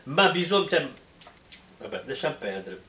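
A man reads a silly story aloud in a mock-dramatic way and keeps stopping for joking, mocking asides. His voice is fairly high, bright and keen, with lots of movement in pitch. He sits back from the mic in a roomy space. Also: normal speed, distant mic. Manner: animated, mocking, breaks into laughter. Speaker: reader and comic commentator.

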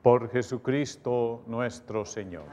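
A man's voice: slow pace, warm tone. A middle-aged man, a priest, leading closing prayers and a blessing at Mass and making earnest appeals. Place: small chapel studio at an altar. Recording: chapel reverb with faint rumble.

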